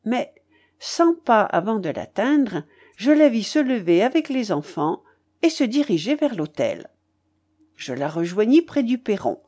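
A woman reads a classic novel aloud with measured, expressive storytelling. Her delivery is slow and unhurried, with a mellow, dark tone. Her pitch moves in a lively way across each sentence. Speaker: audiobook narrator. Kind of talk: literary audiobook narration.

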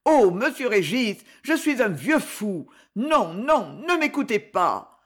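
A woman reading aloud as an old male servant, speaking slowly and haltingly with deep emotion. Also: very animated, heavily acted. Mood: grieving.

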